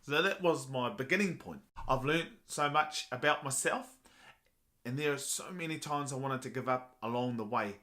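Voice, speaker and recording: A man's voice: medium pitch, normal speed, pushed and bright. A man with a Māori New Zealand accent talking earnestly and motivationally to viewers in a personal vlog. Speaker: vlogger.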